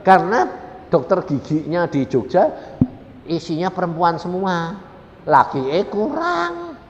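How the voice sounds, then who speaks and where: Older Javanese-accented man preaching, lively pitch swings, echoey church hall, faint rumble. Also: measured pace, highs cut off. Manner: animated storytelling, bursts into high excited tones. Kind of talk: sermon testimony.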